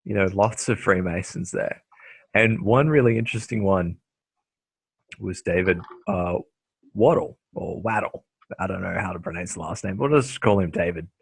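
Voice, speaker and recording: A man's voice: sits low, normal speed, vocal fry, slightly rough, no room sound. A man hosting a casual interview, rambling along with lots of fillers and restarts. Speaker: host.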